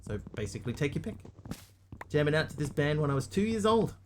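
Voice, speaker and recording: Quick and fairly high-pitched, this man's voice leaps up and down as he livestreams a game and chats with viewers. He's a New Zealander with a matching accent, reading out chat messages and responding casually while background noise hums along.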